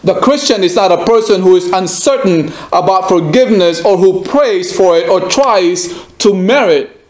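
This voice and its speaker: A man's voice: high-pitched, moderate pace. A male pastor preaching emphatically, repeating phrases and asking the listener direct questions. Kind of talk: sermon. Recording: echoey room.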